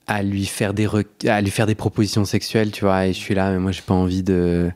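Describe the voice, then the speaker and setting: A young man hosts a podcast, telling a story in a chatty, casual way, laughing often and restarting sentences. His voice is low-pitched and a little mellow, fairly quick, with a completely flat delivery.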